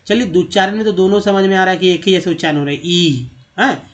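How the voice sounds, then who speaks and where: High-voiced man drilling pronunciation. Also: fairly even intonation, muffled recording. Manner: repeats words slowly and drills pronunciation, asking the viewer questions. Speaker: English teacher. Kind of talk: Hindi-language English reading lesson.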